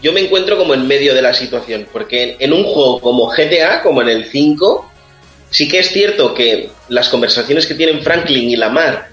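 A man's voice: mid-range voice, expressive, moderate pace, fairly bright tone, soft background music. A man in casual chat, emphatic and repeating his points. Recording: roomy, dull-sounding mic.

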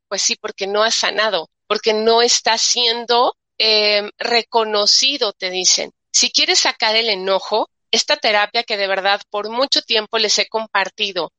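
Female spiritual talk host, gentle and repetitive, bright tone, dry close sound. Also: on the high side, dry recording. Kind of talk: spiritual talk show, reading viewer comments.

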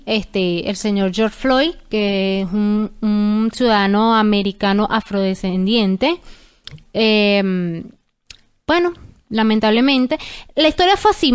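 A young adult woman co-hosting a casual podcast, explaining things in an earnest, steady way. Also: sits high, clean tone. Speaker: podcast co-host.

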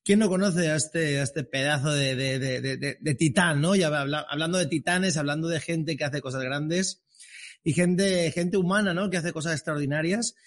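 Eager, stumbling male podcast host. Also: on the high side. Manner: halting, repeats words, enthusiastic. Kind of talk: casual interview.

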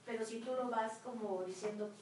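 A woman's voice: on the high side, steady tone, brisk, darkish tone, a little hiss or hum. A woman in a group discussion who asks questions and shares her own experience. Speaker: group member. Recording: echoey room, far from the mic.

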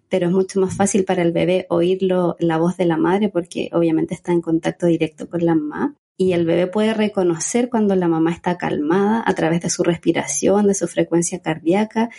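A woman's voice: lowish voice, vocal fry, mellow, husky. A young adult woman, a speech therapist, explaining patiently as an interview guest. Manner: measured, explanatory.

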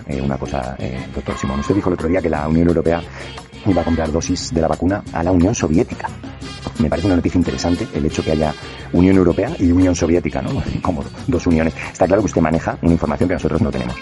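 A man as a deep-voiced mocking reporter. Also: rapid-fire. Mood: mock-serious. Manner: mock-serious questioning with fillers. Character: mocking male reporter in a horse mask. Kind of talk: comic sketch parody. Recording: guitar music under the voice.

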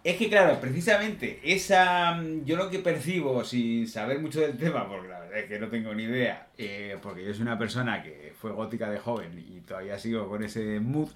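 A man in a casual podcast chat, expressive and quick to laugh. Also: medium pitch. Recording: echoey room.

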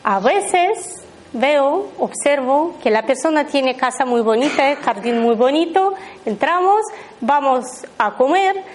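A woman with a high voice leads a workshop in front of a small audience. She talks casually, tells little stories and keeps checking that the listeners follow her. A faint background noise sits under her voice. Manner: chatty, tells anecdotes, keeps asking the listeners "¿vale?". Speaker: abundance workshop leader. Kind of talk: informal talk to a live group.

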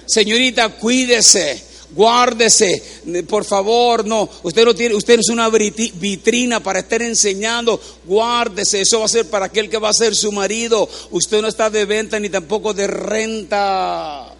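A man's voice: high voice, unhurried, fairly bright tone. A man preaching a humorous sermon in a church, joking with the congregation and having them repeat words after him.

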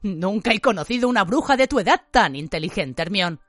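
A woman doing a weary male teacher, slow and hushed, every word measured and gentle. Her voice stays close and dry, with faint music behind it. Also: mid-range voice, animated, no room sound. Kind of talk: audiobook character reading.

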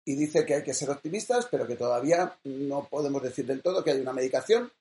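A man's voice: mid-range voice, lively intonation, fast, mellow, reverberant. A man co-hosting a casual chat show, reading news items in a conversational way. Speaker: co-host. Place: small room at home.

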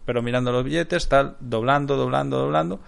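A young man from Barcelona, telling a story casually, animated and swearing freely. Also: mid-range voice, brisk, vocal fry. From Barcelona, Spain.

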